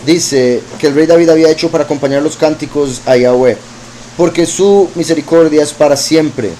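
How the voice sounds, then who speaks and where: A man's voice: fairly high pitch, moderate pace, dark tone, slight background noise, rough recording. A man preaching, reading verses aloud and explaining them with frequent asides. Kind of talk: scripture teaching.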